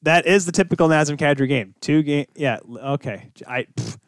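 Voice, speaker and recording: A man co-hosting a casual hockey podcast, jokey and animated, breaking into mock outrage. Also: fairly high pitch, brisk, no echo, clean studio sound. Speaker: podcast co-host.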